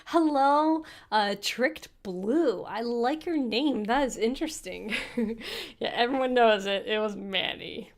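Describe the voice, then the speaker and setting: A woman's voice: a little high, takes it slowly. A woman streamer working through a trivia quiz, thinking aloud in a rambling, casual way and answering chat messages.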